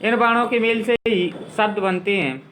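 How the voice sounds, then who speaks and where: A man teaching a school grammar lesson, explaining slowly and repeating his examples. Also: high-pitched, a bit bright, slight background noise, low-quality recording.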